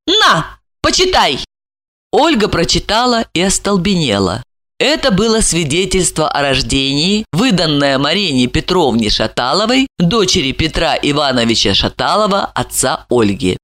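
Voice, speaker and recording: A woman's voice: deep voice, big pitch swings, normal speed, a bit bright. A woman narrating a dramatic story as an audiobook reading.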